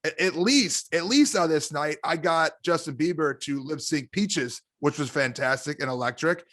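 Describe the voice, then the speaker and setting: A man chatting casually as a guest on a podcast, an animated and excitable wrestling fan. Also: a little high, normal speed. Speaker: guest commentator.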